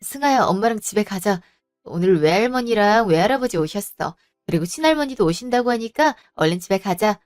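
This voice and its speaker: A woman's voice: mid-range voice, expressive, a little fast, dry recording, clean studio sound, faint music behind, close to an everyday voice. A woman voicing a firm, betrayed wife and mother who scolds her husband sharply. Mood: scolding. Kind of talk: storybook voice acting.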